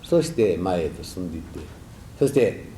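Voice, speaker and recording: An older man giving a reflective, halting temple talk drawn from his own memories, with folksy asides. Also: sits low, sing-song, warm tone. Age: 60s or older. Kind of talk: sermon with personal war recollections. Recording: echoey room, faint background noise.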